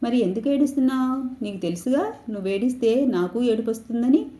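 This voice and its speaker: A loving grandmother, as a woman reads her in a storybook tale, coaxing gently with a warm, mellow tone. Her speech is tender and soothing. The room around her is echoey. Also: fairly high pitch, fairly quick, pitched above the performer's own voice, lightly acted.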